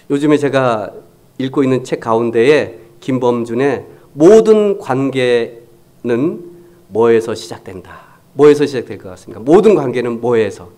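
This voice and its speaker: A man's voice: a little high, darkish tone. A man preaching a Sunday sermon as pastor, talking conversationally, acting out quoted remarks and dropping to near-whispers for emphasis. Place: church sanctuary.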